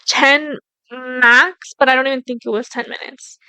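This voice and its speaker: A young woman co-hosting a podcast, chatting excitedly and telling stories with lots of "like". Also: high voice, moderate pace, clean tone, dry recording, poor audio. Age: young adult. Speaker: podcast co-host. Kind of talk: casual chat.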